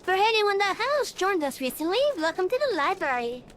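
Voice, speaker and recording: A woman's voice: very high-pitched, sing-song, fairly quick, a bit bright, slight background noise. A streamer in casual, rambling chat with many fillers, her voice run through an AI voice changer. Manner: rambling, chatty, frequent fillers.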